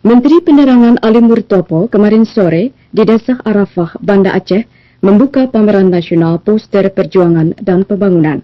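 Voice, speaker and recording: A woman newsreader delivering a formal television news bulletin in a measured, even manner, heard as old 1980s broadcast sound. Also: medium pitch, no echo. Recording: dull, lo-fi, dry archive broadcast audio.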